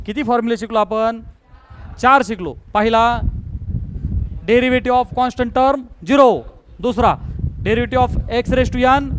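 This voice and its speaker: High-pitched scolding male math teacher. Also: a little hiss or hum, low-quality recording. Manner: scolding, drills students to answer loudly; joking, mixes English math terms. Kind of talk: classroom lecture.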